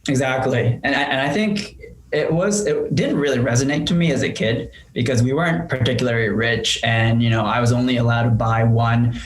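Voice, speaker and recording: A man, speaking as a guest on a podcast interview. His voice sits in an ordinary middle pitch. He talks thoughtfully and casually, often pausing on "um" and restarting his sentences. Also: low-quality recording. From Japan. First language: Japanese. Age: 30s. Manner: thoughtful, with frequent ums and restarts. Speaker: entrepreneur guest. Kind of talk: casual conversational storytelling.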